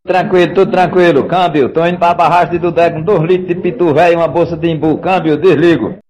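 A man's voice: a little high, steady tone, quick pace, a little mellow, muffled recording. A man calling over a walkie-talkie, using radio sign-off talk.

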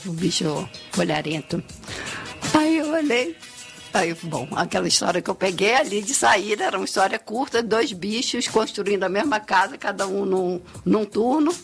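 A woman who tells stories and writes children's books, talking expressively in a relaxed interview, often ending phrases with a tag question. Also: medium pitch, normal speed, gravelly, soft background music. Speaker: storyteller and children's author, guest. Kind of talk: conversational interview.

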